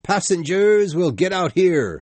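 A man's voice: fairly high pitch, huge pitch swings, measured pace, a little mellow, breathy edge, dry recording, voice pushed up, full character voice. A man voicing a railway conductor who answers bluntly and matter-of-factly, raising his voice. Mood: curt. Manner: curt, matter-of-fact.

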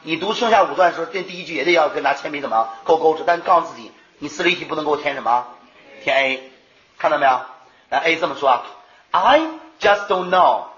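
A man teaching an English exam class in a lively lecture, firing rhetorical questions at the students and answering them himself. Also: a little high, fast. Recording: echoey lo-fi room recording.

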